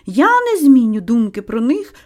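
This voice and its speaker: A woman's voice: on the high side, big pitch swings, moderate pace, a little mellow. A woman reading a spirited tomboyish young girl who teases boldly, in a storybook. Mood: defiant.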